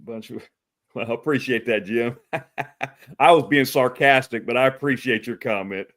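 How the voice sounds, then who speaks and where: The casual livestream talk show is hosted by a man from Texas whose medium-pitched voice has a fairly bright tone and a moderate pace. Friendly and easygoing, he greets viewers by name, calls them brother, and often chuckles.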